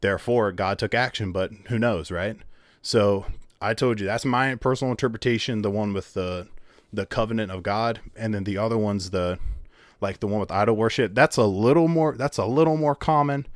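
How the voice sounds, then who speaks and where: Low-voiced man musing through a Bible story. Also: normal speed, no echo, clean studio sound. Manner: musing and thinking aloud, with rhetorical questions and restarts. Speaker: solo video creator explaining a Bible story. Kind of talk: casual spoken explainer.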